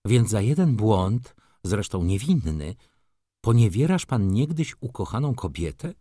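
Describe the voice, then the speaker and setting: A man's voice: lowish voice, big pitch swings, a little slow, mellow, husky, dry recording, clean studio sound, exaggerated voice. A man reading an audiobook, voicing a haughty, capricious society lady who talks in an offended, reproachful, coquettish way.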